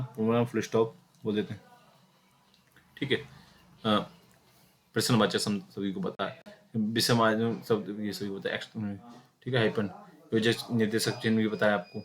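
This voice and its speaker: A man teaching an exam-prep Hindi grammar lesson, explaining step by step with many fillers and self-corrections, and speaking directly to his students. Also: medium pitch. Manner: addresses students directly, repeating key points.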